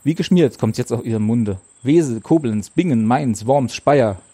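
A man narrating a children's book in a calm, measured storytelling manner. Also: mid-range voice, breathy edge. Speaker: audiobook narrator. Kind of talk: scripted narration.

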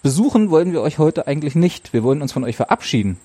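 A man's voice: on the high side, very animated, quick pace, warm tone, slightly rough, no room sound, pitched above the performer's own voice. A man doing an eager little boy. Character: cheerful six-year-old boy.

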